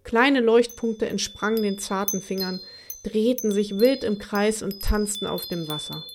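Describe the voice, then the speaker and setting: A woman narrating a children's story in a lively, expressive reading. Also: medium pitch, a little slow, a little hiss or hum.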